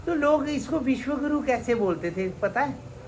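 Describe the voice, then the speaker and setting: A man's voice: extremely high pitch, lively intonation, moderate pace, darkish tone. Earnest man preaching over background noise. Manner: earnest, exhorting, repeats points. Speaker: spiritual teacher. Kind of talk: devotional talk at a religious gathering. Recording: noisy live recording with ambience.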